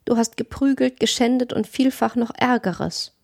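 A woman's voice: a little high, moderate pace, vocal fry, darkish tone, no room sound, clean studio sound, pitched above the performer's own voice. A woman putting on a reproachful young woman. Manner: indignant, reproachful. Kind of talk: audiobook reading.

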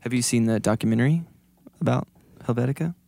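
A man with a gravelly, fry-edged voice chats on a podcast with a deadpan, teasing manner. His pitch is in the middle range, and the recording is dry and close. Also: fast talker, no echo. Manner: deadpan joking. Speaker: podcast co-host, church lighting person. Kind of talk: casual chat.

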